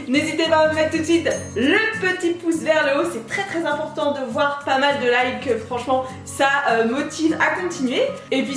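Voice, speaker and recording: Woman beauty vlogger, chatty and upbeat, slightly high voice. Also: a bit bright. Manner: bubbly, chatty, talks straight to viewers. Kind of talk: casual unboxing vlog. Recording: echoey room with faint music.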